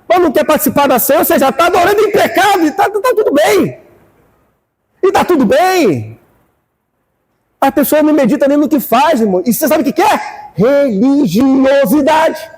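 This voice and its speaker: A man with a Brazilian Portuguese accent preaching a fervent sermon as pastor, rising to shouts at times. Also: very high voice, husky, long reverb tail.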